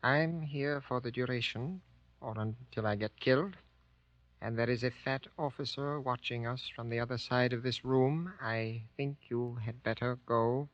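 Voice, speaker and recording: An actor playing a guarded, courteous American-born Japanese army sergeant, speaking formally and carefully in grave 1940s radio drama style. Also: male voice, mid-range voice, steady tone, no echo, natural voice. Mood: grave, ominous. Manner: formal, careful, deliberate diction. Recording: dull old 1940s radio recording.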